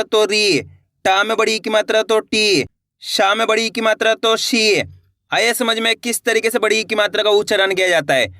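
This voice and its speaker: A man teaching children's Hindi reading, sounding out syllables one by one and stretching words slowly, coaxing with repeated questions. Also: sits high, sharp tone, no echo, clean studio sound. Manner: slow, drawn-out syllable-by-syllable reading. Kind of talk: YouTube reading lesson.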